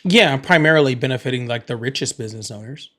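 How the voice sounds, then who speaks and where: A man's voice: medium pitch, lively intonation, fast talker, a crowd in the background. A man hosting a live call-in stream, talking casually and challenging callers on their exact wording. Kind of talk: casual live political debate.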